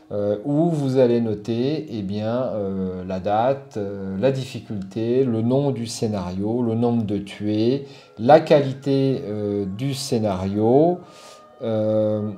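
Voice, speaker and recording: A man's voice: on the low side, mellow. A middle-aged man hosting a board game channel, giving a casual product review full of fillers and restarts. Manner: hesitant, many fillers and restarts.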